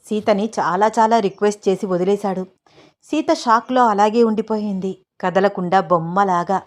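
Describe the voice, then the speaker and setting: A woman narrating a romance story in an expressive, dramatic way. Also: medium pitch, normal speed.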